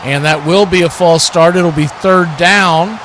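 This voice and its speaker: In an unhurried way, a man with a slightly high, somewhat bright voice delivers live play-by-play of American football, hosting a watch party with clipped descriptions that lift on the action. A bit of hiss or hum is audible.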